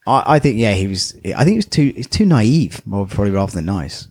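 Male podcast co-host, very low voice, chatty football talk. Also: big pitch swings, fairly quick, darkish tone, a little hiss or hum. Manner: chatty, lots of fillers. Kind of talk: casual football chat.

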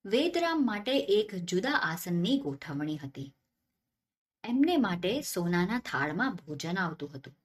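Low-voiced woman telling a story. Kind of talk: storybook narration.

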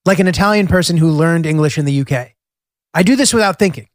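A man's voice: a little high, fast talker, no echo, studio quality. An American man narrating a travel diary for his podcast in a casual, filler-heavy way, often saying "like". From United States. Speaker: podcast host. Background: music.

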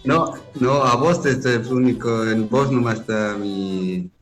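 A man's voice: medium pitch, slow. A man calling in by mobile phone, flirting in a laid-back way. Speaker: caller. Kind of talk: phone call-in banter. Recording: phone call with music behind.

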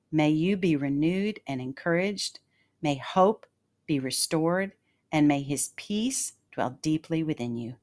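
A low-pitched woman delivers scripted devotional narration. She is calm and measured, weaving a personal story into an earnest message of faith and leaning on key phrases. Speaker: devotional podcast host.

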